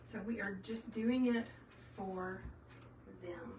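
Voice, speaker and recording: Speaking at a medium pitch and taking things slowly, a middle-aged South Carolina woman hosts a craft tutorial livestream. Her Southern US accent colors her casual, folksy chat with viewers. The mic sits at a distance, so the audio is roomy with faint noise.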